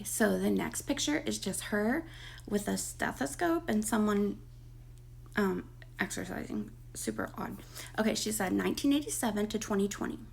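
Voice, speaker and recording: Her voice sits in the mid-range, a little mellow but creaky and gravelly, as this commentary creator loses her voice. She reads posts aloud for a casual gossip commentary, tossing in sarcastic, mocking asides.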